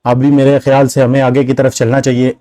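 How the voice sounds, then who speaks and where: A man doing let's-play game commentary, excitedly narrating the action play by play and repeating himself often. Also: mid-range voice, moderate pace, vocal fry, no echo, rough recording. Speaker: gameplay commentator.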